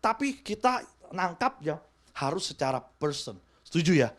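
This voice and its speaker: Man, pastor, high voice, lively church sermon, code-switching with English. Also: normal speed. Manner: animated preaching, switching between Indonesian and English. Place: church service.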